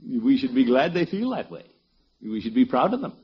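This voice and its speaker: An actor playing a pompous, jovial middle-aged uncle in a 1950s radio comedy, with an avuncular, theatrical manner. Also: male voice, mid-range voice, big pitch swings, moderate pace, breathy edge. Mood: patient, amused. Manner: avuncular, chuckling, theatrical swoops. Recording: dull, noisy vintage radio recording.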